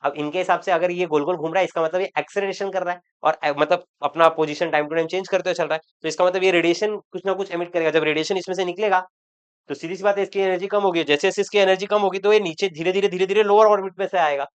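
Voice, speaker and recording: A man's voice: high-pitched, steady tone, fast, smooth. A male chemistry teacher giving an online exam-prep lecture. He talks in a loose, chatty way, repeats words over and over for emphasis, and drops joking asides to his students.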